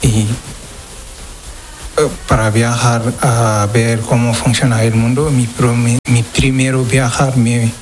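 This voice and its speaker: A man's voice: mid-range voice, flat delivery, soft background music, poor audio. Hesitant young man from Senegal. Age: 20s. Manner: hesitant, halting non-native Spanish. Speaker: interviewee. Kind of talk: street interview.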